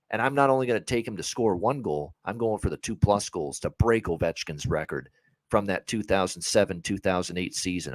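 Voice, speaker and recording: Low voiced guy rattling off hockey picks on a podcast, lots of uhs, dry sound. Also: no room sound, rough recording. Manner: chatty, many "uh" fillers, upbeat picks. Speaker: sports betting podcast host. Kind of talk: casual betting talk.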